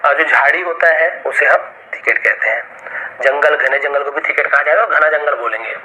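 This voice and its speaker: A man with an Indian accent teaching English, reading a story slowly line by line and explaining each word in Hindi. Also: a little high, pushed and bright, a little hiss or hum, poor audio.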